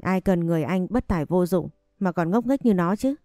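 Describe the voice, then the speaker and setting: A woman's voice: lowish voice, lively intonation, fairly quick, dry recording, studio quality, faint music behind, close to an everyday voice. A woman voicing a spoiled bullying young man. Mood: angry. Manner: harsh, contemptuous shouting.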